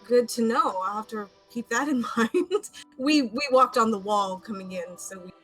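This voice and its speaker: A woman chatting casually and haltingly as a player in a tabletop role-playing game. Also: a little high, fairly bright tone, soft background music, poor audio. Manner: informal, halting. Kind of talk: casual in-character game chat.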